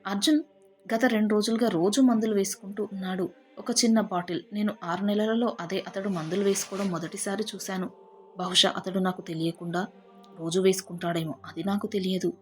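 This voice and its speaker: A woman telling a first-person family story in a steady, heartfelt way. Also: medium pitch, a little fast. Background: faint background music.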